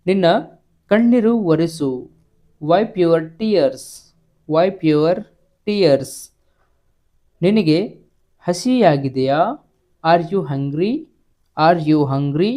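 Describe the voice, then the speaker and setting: Very slow male teacher. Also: a little high, expressive, mellow. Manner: says each English phrase twice, slowly and clearly. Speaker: English teacher. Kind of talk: slow, drilled spoken-English lesson.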